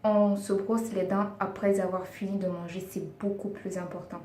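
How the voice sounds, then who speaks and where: A woman's warm, mid-range voice, flat in delivery and at normal speed, shares earnest beauty tips in a relaxed vlog, coaxing viewers she often calls girls. As a beauty and lifestyle vlogger speaking a second language, she sometimes pauses to find words. Roomy echo, a distant microphone and faint hiss color the recording.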